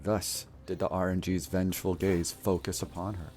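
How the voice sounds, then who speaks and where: A man with a deep, slightly mellow voice speaks at a moderate pace with little pitch movement. He's a video storyteller and gamer giving scripted mock-epic narration about a video game, grandiose, theatrical, and mock-solemn.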